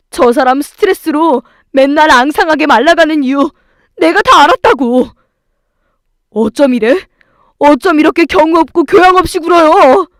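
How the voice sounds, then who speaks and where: A woman voicing a furious young husband who shouts at his family to defend his wife in a story reading. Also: high voice, no echo, clean studio sound, voice pushed up. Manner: shouting, indignant.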